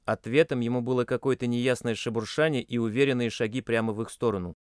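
A man's voice: medium pitch, fast, smooth, no echo, clean studio sound. Man narrating a tense audiobook. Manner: tense, expressive storytelling.

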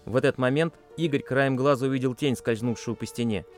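A man reading a suspenseful audiobook with tense, expressive storytelling into a close mic. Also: medium pitch, a little fast, soft background music. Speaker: narrator. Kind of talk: dramatic audiobook narration.

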